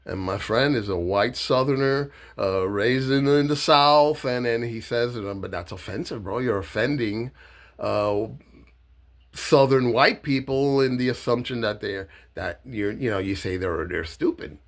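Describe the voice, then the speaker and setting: A man from Miami giving a blunt, mocking, swear-heavy political rant to camera, loose and halting with fillers when he explains himself. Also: medium pitch. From Miami, Florida. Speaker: political satire vlogger. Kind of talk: profane political rant and monologue.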